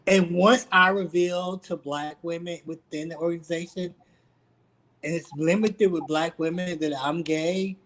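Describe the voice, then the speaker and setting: A man with a slightly high voice speaks as a guest on a panel discussion. He explains his view in a calm, measured way and backs it up with examples. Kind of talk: casual panel talk.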